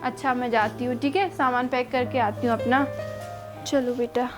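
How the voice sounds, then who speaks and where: A woman playing a devoted young wife in an amateur short film, speaking softly and reassuringly. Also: a little high, steady tone, normal speed, lightly acted. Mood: tender. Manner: soft, coaxing, reassuring. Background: background music.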